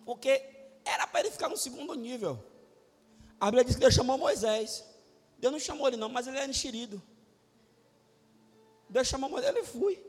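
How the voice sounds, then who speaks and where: A middle-aged man, preaching a lively, joking sermon from a church pulpit, breaking into sudden shouts and acted-out quotes. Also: very high voice, a little fast, long pauses, faint music behind. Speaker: pastor. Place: church sanctuary. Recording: reverberant church hall.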